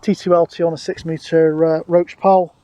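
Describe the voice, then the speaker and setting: With a warm tone and little pitch movement, a British man speaks on the high side at a moderate pace, chatting in a relaxed, colloquial manner. He's a vlogger and CB radio operator out on a grassy hilltop, and the recording is dry.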